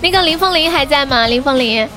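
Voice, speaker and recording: A woman's voice: high-pitched, animated, a little fast. A woman hosting a livestream, chatting casually and playfully with viewers. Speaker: livestream host. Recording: music playing behind the voice.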